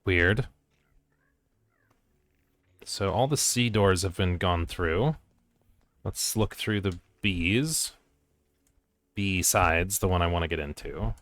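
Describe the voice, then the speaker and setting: A man's voice: low-pitched, slow pace, pauses often, a bit bright. A man giving casual gameplay commentary, muttering short fragments to himself and reading on-screen text aloud. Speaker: gamer playing and commenting on a video game.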